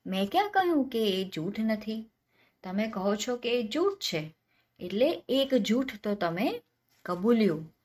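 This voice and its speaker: A woman's voice: a little high, big pitch swings, measured pace, darkish tone, voice pushed up. A woman voicing a clever, penniless young man in a folk tale, cheeky and self-assured, answering questions with questions. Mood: sly.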